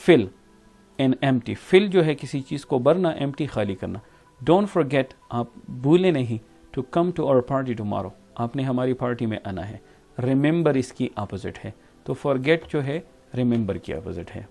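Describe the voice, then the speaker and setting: A man with a Pakistani accent teaching from an English textbook, reading each sentence slowly and then explaining it in quick bursts, often checking in with "theek hai". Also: mid-range voice, expressive, gravelly, a little mellow, soft background music.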